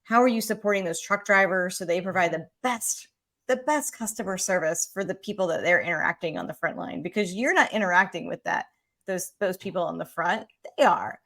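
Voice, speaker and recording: Chatty woman podcast host, lowish voice. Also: brisk, creaky, fairly bright tone. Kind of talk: casual interview talk.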